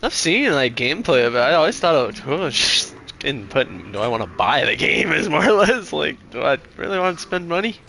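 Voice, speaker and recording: A man giving casual gameplay commentary as a streamer, excitable, profane and joking. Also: a little high, brisk, hardly any pauses, slight background noise. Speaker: gaming streamer.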